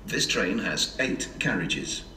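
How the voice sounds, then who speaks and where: Man announcing over a station loudspeaker, slow measured delivery, lowish voice, echoey and distant, noisy platform around. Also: animated. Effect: station public address loudspeaker. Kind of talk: recorded train announcements.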